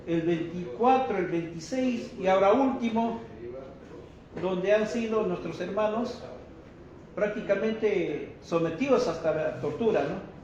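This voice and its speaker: Man, high-pitched, measured denouncing press statement; boomy, muffled room. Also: a little mellow. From Peru. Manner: deliberate, denouncing, addresses listeners as brothers. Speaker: activist speaking at a press conference. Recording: echoey muffled room with faint noise.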